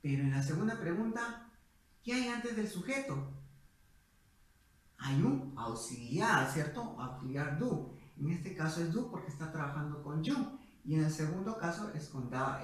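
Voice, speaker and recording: A man teaching an English lesson to a class, speaking slowly and patiently and asking the students questions. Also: on the high side, lively intonation. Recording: echoey, mic far away.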